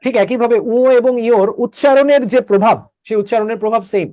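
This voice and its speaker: A man's voice: very high voice, quick pace, warm tone, dry recording, clean studio sound. A man teaching an online class, explaining step by step and checking that students follow with short questions.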